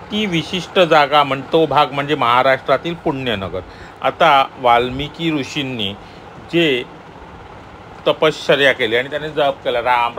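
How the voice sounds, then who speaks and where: A man's voice: mid-range voice, fairly bright tone, a little hiss or hum. A man giving a devotional commentary on a sacred text, reading passages and then rephrasing them in his own words. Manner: explanatory, repeats and rephrases passages he reads.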